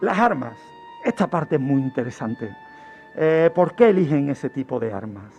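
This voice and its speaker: On the radio, a guest criminologist walks through a true-crime history like a lesson, asking questions and then answering them himself. His medium-pitched voice is very animated and a little mellow, moving at a normal speed, with faint music in the background.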